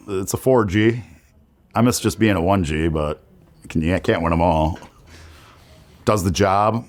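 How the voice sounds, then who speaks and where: Relaxed low-voiced man in his forties. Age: 40s. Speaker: bartender. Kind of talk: documentary interview.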